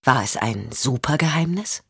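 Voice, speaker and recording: A woman voicing a calm male investigator who questions gently and patiently, for an audiobook. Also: extremely low pitch, normal speed, breathy edge, no echo, studio quality, heavily acted.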